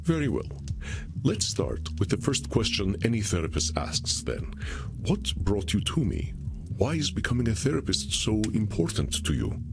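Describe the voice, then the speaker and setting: An actor playing an ancient, courteous male vampire who runs a club and speaks in a formal, measured way. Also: lowish voice, sing-song, vocal fry. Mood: composed. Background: game music.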